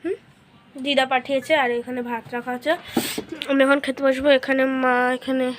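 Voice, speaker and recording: A young woman with a hoarse voice and a stuffy nose from a cold, chatting casually to her vlog camera as she shows her meal and home. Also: high voice, little pitch movement, fairly quick, slight background noise. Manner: chatty, showing things to camera. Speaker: vlogger.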